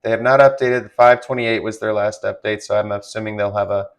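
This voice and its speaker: A man doing live severe weather commentary, halting and improvised, giving urgent and direct warnings to listeners. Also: lowish voice, steady tone. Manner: halting, improvised phrasing with repeated restarts. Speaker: live-stream weather broadcaster.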